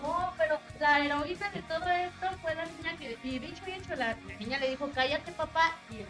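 A woman with a Mexican Spanish accent tells a story in casual, slangy chat. Her voice sits high. Guitar music plays clearly behind her. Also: brisk, rough recording. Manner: animated anecdote telling with slang.

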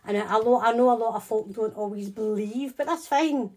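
A woman's voice: on the high side, a little fast, dark tone, slightly rough. A woman with a Scottish accent, a psychic medium talking casually and reassuringly as an interview guest. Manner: chatty, reassuring, with frequent restarts.

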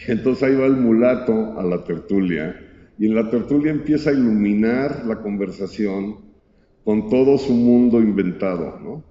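A man telling a lively, colloquial anecdote and acting out the characters. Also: fairly low pitch, normal speed, a little hiss or hum. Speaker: storyteller. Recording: dull echoey hall recording.

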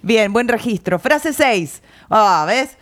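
A woman's voice: a little high, animated, slow. A woman with an Argentine Spanish accent who hosts a party game among friends and reads quotes aloud. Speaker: host reading game phrases. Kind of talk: casual chat among friends.

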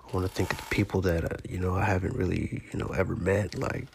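Laid-back gravelly podcast host, monotone. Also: male voice, low-pitched, fast talker, slight background noise. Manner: laid-back, profane, rambling. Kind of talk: casual solo podcast talk.

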